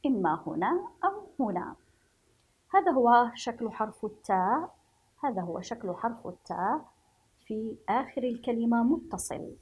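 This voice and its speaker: Husky woman teaching young children. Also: fairly high pitch, darkish tone, rough recording. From Yemen. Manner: slow, clearly spelled out, questioning the class. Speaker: primary school teacher. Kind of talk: children's reading lesson.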